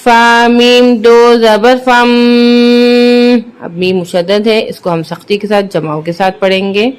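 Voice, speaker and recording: Patient Quran teacher drawing out syllables. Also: smooth. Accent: Pakistani Urdu. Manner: drawn-out syllables, then brisk low explanations. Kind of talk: slow letter-by-letter recitation drills with quick explanations.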